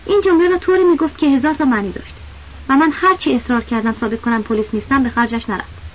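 A woman narrating a novel as a first-person audiobook, telling the story in a steady, plain manner. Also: a little high. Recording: dull lo-fi audiobook recording with faint hiss.

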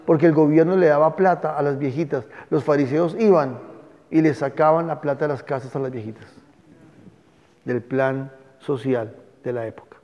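Guy teaching a bible class, punchy and emphatic, kinda high voice, muffled recording w/ long echo. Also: moderate pace, darkish tone. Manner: emphatic, dictates spellings to students. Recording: echoey, dull room recording.

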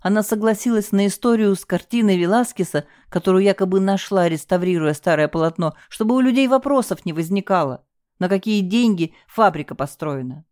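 A woman's voice: mid-range voice, a little fast, darkish tone, no echo, clean studio sound, natural voice. A woman voicing a timid, panicking middle-aged husband who stammers and whines. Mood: anxious. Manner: stammering, whining.

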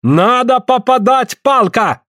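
A man voicing a fierce northern native man who speaks broken Russian in slow, drawn-out words. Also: fairly high pitch, animated, darkish tone, dry recording, clean studio sound, pitched above the performer's own voice. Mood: shouting, terse.

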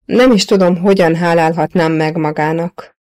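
An earnest man with a wry edge, thankful and a little dry, as a woman narrator reads him. It is an audiobook, and the voice is low and close to the reader's own. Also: fairly even intonation, a little mellow, lightly acted.

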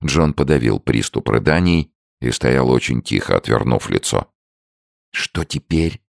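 A man narrates a novel for an audiobook, measured and expressive. His voice is extremely low with a gravelly creak. The recording is close and dry. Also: no echo.

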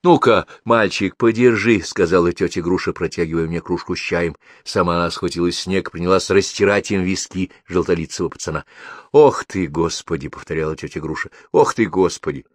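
A man voicing a kindly, fussing middle-aged canteen woman with high, loud, drawn-out exclamations in an audiobook. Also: no echo, clean studio sound. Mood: anxious fussing. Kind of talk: audiobook character voice.

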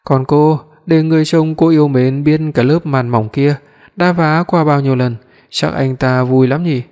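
A man's voice: on the high side, fairly even intonation, normal speed, a little mellow, smooth, close to an everyday voice. A man voicing a bold young heroine who mocks and teases in an audiobook. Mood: mocking. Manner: mocking, teasing. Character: sharp-tongued young heroine, mocking and bold. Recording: long hall reverb.

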